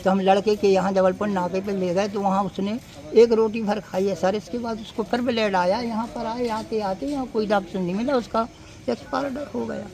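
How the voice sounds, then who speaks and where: A man's voice: high voice, fairly even intonation, moderate pace, a little mellow. A man, a relative of the patient, hurriedly telling a reporter what happened and calling him sir. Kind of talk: recounting to a reporter.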